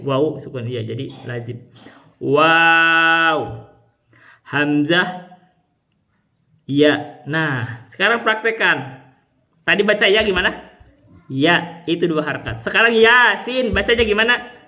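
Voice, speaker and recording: A man teaching Quran recitation rules, explaining patiently and demonstrating long drawn-out recited syllables. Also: a little high, sharp tone. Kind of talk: tajwid lesson with recited examples.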